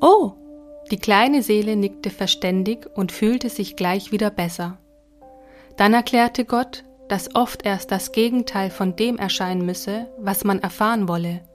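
Woman reading a bedtime-style story, mid pitch, soft and slow, light music in back. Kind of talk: scripted story narration.

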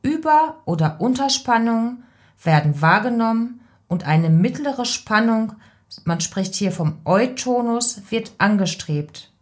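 A woman voice coach giving calm, deliberate advice in an instructional podcast. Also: a little high.

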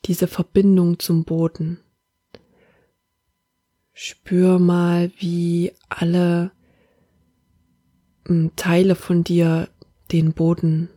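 A woman leading a guided meditation in a soft, half-whispered, calm and soothing manner. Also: fairly low pitch, breathy edge, dry recording, clean studio sound.

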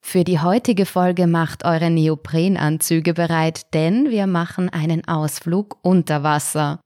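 A woman hosting a short-story podcast, reading a children's tale aloud in a calm, measured way. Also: fairly low pitch, no echo, clean studio sound. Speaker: podcast host and story reader. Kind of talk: scripted storybook narration.

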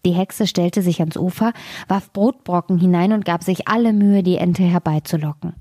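A woman narrating a fairy tale aloud in measured storytelling, sometimes dropping to a whisper at grim moments. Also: on the low side, mellow, no echo, studio quality.

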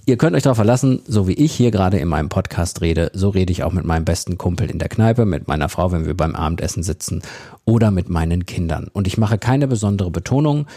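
Low dark guy with a gravelly voice, chatting straight to his podcast listeners, dry close mic. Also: lively intonation, fast talker, no echo. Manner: direct, conversational, plain-spoken. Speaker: podcast host and consultant. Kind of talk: casual solo podcast advice.

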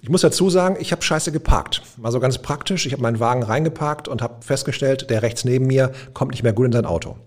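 A man's voice: medium pitch, quick pace, few pauses. A middle-aged man, a de-escalation trainer, telling a personal anecdote in a colloquial, humorous podcast chat. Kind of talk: conversational podcast storytelling.

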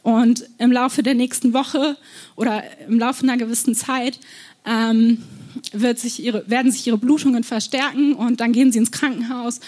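A young woman preaches with a fairly high voice, earnest and personal. She tells stories from her own life and often stops on small fillers as she speaks. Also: fairly even intonation, normal speed, mellow. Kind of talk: sermon.

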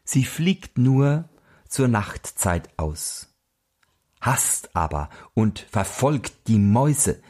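A man reading a fairy tale aloud in an expressive, unhurried storytelling manner. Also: mid-range voice. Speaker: narrator.

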